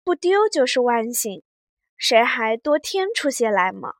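A woman voicing a clever, sharp-tongued young maidservant in a read-aloud classic novel, talking in a teasing, sly way. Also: fairly high pitch, big pitch swings, a little slow, dry recording, clean studio sound.

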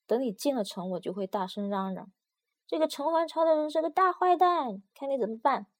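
A woman's voice: fairly high pitch, normal speed, lightly acted. A woman voicing a stubborn, hot-tempered boy who has been turned into a little box of pills, speaking in blustering bursts. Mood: furious.

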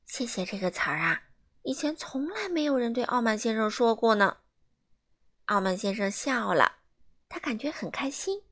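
A woman reading a children's storybook aloud in an animated way, asking the listeners questions. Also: on the high side.

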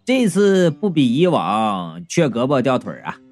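Animated guy telling a funny story, voice swings all over, soft music behind. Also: medium pitch, measured pace. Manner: lively, expressive, playful asides. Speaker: audiobook narrator. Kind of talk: first-person comic storytelling.

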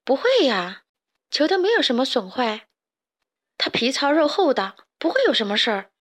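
A woman voicing a loud, boisterous young chick in a children's storybook. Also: high-pitched, big pitch swings, normal speed.

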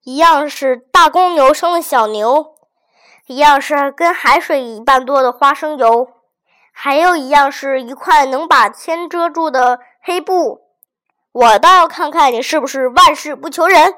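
A pompous official barks and scolds, loud and huffy, voiced by a woman reading a folk tale. The voice sits high and pushes hard. It sounds like a storyteller's character turn. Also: lively intonation, moderate pace, hardly any pauses. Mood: blustering. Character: blustering pompous male prefect, angry official.

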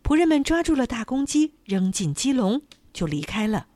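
A woman narrating a children's folk tale with an expressive, animated reading. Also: on the high side, moderate pace, no echo. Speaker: storyteller.

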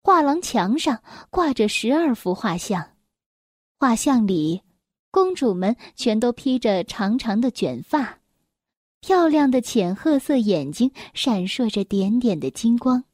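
A woman reading a children's story aloud as narrator, in a gentle, expressive manner. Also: fairly high pitch, measured pace, dry recording, clean studio sound.

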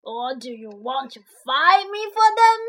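A woman voicing a grouchy, boastful little ladybug who shouts in a screechy, drawn-out way in a storybook reading. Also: high-pitched, big pitch swings, heavily acted. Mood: angry. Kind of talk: storybook read-aloud.

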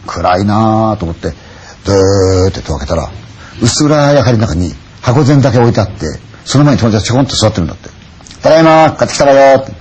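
Fast, husky male ghost storyteller. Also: lowish voice, expressive, a little mellow. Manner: vivid sound effects and acted-out voices. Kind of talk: dramatic ghost story telling.

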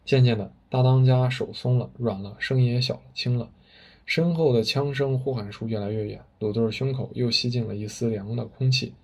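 Husky male storyteller. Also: mid-range voice, fairly even intonation, fairly quick, darkish tone. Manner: vivid, dramatic narration. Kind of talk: spoken storytelling.

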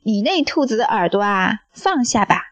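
A woman reading a skeptical, pondering young male disciple in an audio story, speaking softly. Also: mid-range voice, sing-song, moderate pace, no room sound, muffled recording. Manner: soft, wondering.

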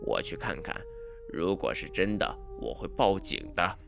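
A man putting on a cranky old great-uncle from a spooky storybook tale. The voice drops low and soft, a sleepy, impatient grumble that suits an elderly man woken in the night. Its pitch still rises and falls, and faint music sits behind it. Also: big pitch swings, a little slow, vocal fry, exaggerated voice. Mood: grave, muttering. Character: gruff elderly great-uncle, irritable and secretive.

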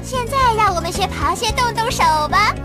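A woman's voice: very high voice, brisk, pushed and bright, soft background music. A woman voicing a cheerful, encouraging little girl explorer in a children's cartoon, emphatic as she leads young viewers. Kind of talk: children's cartoon dub acting.

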